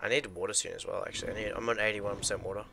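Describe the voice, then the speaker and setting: A man chatting casually with a friend while playing a video game, teasing and quick with remarks. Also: on the low side, fairly even intonation, creaky, pushed and bright, a little hiss or hum. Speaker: gamer. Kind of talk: casual gameplay chat.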